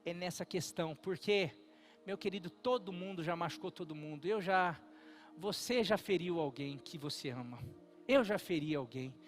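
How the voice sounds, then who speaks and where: High-voiced Brazilian pastor preaching earnestly. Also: male voice, moderate pace, faint music behind. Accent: Brazilian Portuguese. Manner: earnest, emphatic preaching, confessional. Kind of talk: sermon. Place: church service.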